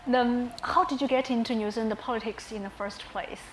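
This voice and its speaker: A woman's voice: on the high side, fairly even intonation, fairly quick. A woman whose first language is Chinese, asking an interviewee questions politely with slight hesitations. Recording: echoey room with faint noise.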